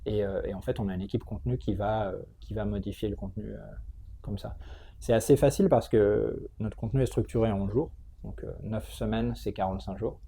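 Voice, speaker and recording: A man's voice: on the low side, steady tone, brisk, gravelly, dark tone, a little hiss or hum. A man answering interview questions in a conversational, explanatory way, hesitating and repeating words as he searches for the next one. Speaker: interview guest, tech training school entrepreneur.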